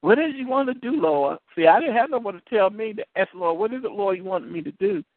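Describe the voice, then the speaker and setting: A man with a high, very lively voice hosts a call-in deliverance show and tells a caller his testimony. He trips over repeated words as he goes. He comes through a thin, tinny phone line with no room sound. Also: quick pace, no echo. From United States. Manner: animated storytelling with many word repeats and laughs.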